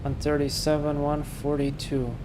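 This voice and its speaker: A man acting as an airline pilot on a headset, making radio calls and working through checklist callouts in a crisp procedural way. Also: fairly high pitch, monotone, normal speed, noisy background. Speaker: sim pilot flying online.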